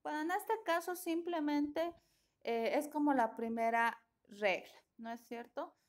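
A woman's voice: sits high, unhurried. A woman teaching an English grammar class, explaining patiently and often checking that students follow.

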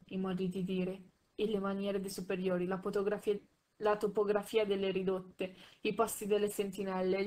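Una donna che legge un romanzo ad alta voce con tono misurato, correggendo ogni tanto qualche piccolo inciampo. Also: female voice, medium pitch. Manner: measured, with small slips and self-corrections. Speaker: audiobook reader. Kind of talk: reading a novel aloud.

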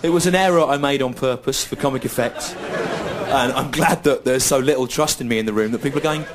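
A middle-aged man performing a stand-up comedy routine on a stage in front of a live audience, with dry, deadpan and repetitive phrasing. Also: medium pitch, fairly quick, crowd noise. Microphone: stage microphone. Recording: live show recording with audible noise. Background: audience laughter.

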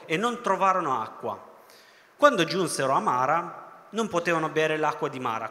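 A man's voice: a little high, pushed and bright. A young man preaching a sermon in a chatty way, often checking in with his listeners. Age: young adult. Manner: conversational preaching, tag questions like "no?" and "ok?". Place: large theatre hall. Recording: echoey hall reverb.

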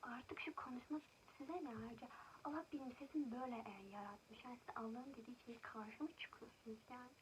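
A young woman vlogger chatting casually while doing her makeup, venting indignantly and often dropping into soft whispers. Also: fairly high pitch, a little fast, a little hiss or hum, rough recording. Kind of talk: casual makeup vlog chat.

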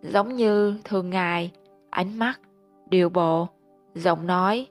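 A woman host narrating a ghost story in a steady, measured storytelling manner, on a close mic. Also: on the low side, soft background music.

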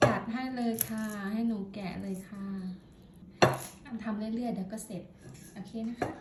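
Woman, high voice, mother in a casual home vlog, encouraging and exclaiming to small kids, noisy room. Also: steady tone, normal speed. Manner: encouraging, exclaiming, uses polite feminine particles. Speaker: mother filming her young children as they help cook. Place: indoors at home. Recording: echoey room with clear background noise.

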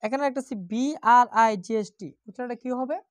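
A woman's voice: on the high side, fairly even intonation, quick pace, darkish tone, no room sound, studio quality. A woman teaching English pronunciation in a lesson. She spells out words letter by letter and asks questions that she answers herself. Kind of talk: spoken language lesson.

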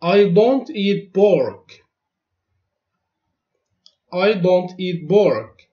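Each lesson phrase comes out twice from this male language teacher, whose voice sits fairly high and stays expressive. His delivery is very slow, clear, and deliberate, and the recording has a muffled, lo-fi quality.

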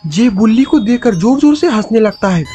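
A man's voice: high-pitched, lively intonation, a little fast, mellow, faint music behind. A man narrating a cartoon horror story in a dramatic, suspenseful storytelling manner.

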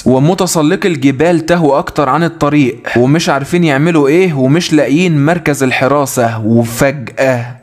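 A man narrating a film recap in Egyptian Arabic, telling the plot in a steady scripted voice and now and then speaking to the listener as his friend. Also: fairly high pitch, a little fast, slight background noise.

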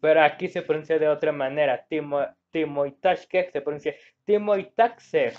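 Man, Mexican Spanish accent, gameplay commentary, rambling, slightly high voice, dull phone recording. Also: fairly even intonation, normal speed. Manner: rambling, searches for words, reads game words aloud.

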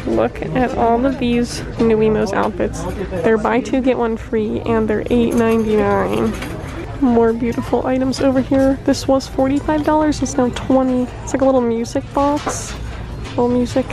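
This vlogger's somewhat high, creaky voice keeps a fairly even intonation at a normal speed while she walks through an outlet store, holding her phone camera to film herself. She chats casually, reads prices aloud and gushes about what she finds, with store music playing behind her on a low-quality recording.

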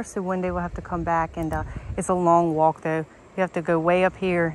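A woman's voice: lowish voice, noisy background. Chatty woman on a riverbank. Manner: chatty, excitable, talks to viewers. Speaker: vlogger filming her fishing trip. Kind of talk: casual outdoor vlog narration. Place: outdoors on a rocky riverbank. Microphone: action camera worn on the body. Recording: background music over outdoor audio.

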